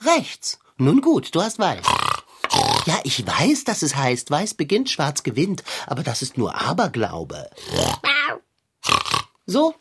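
A woman's voice: sits low, huge pitch swings, slow pace, long pauses, heavy background noise, heavily acted. A woman voicing a vain, fussy male house cat in a cartoon who talks in stilted, old-fashioned formal phrases. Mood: haughty. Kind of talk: cartoon voice acting.

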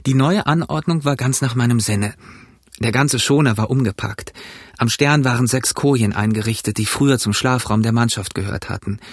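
A man narrating an audiobook in an even storytelling delivery. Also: medium pitch, moderate pace, breathy edge, no room sound, studio quality. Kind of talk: scripted narration.

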